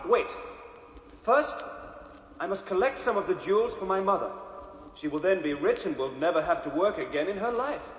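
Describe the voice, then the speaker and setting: An actor playing an earnest, bold young lad of humble birth, declaiming in an audio storybook. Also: male voice, sits high, animated, moderate pace, pauses often, husky. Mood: anxious. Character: earnest, bold young man, poor tailor's son.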